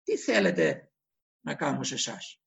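A man's voice: a little high, sing-song, gravelly, a bit bright. A man preaching a sermon, impassioned and acting out the voices he quotes.

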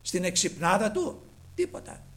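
A man preaching a sermon, retelling scripture dramatically and swinging between loud and hushed delivery. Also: high-pitched, sing-song.

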